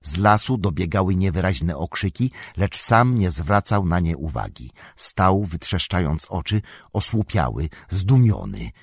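Husky, expressive male audiobook narrator. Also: deep voice, a little slow, few pauses, no room sound, clean studio sound. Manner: expressive, animated storytelling. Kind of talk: scripted narration.

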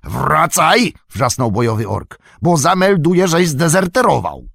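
A man voicing a gravelly snarling orc warrior. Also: medium pitch, expressive, moderate pace, dry recording, studio quality. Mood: threatening. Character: snarling male orc soldier, brutal and threatening. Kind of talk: audiobook reading.

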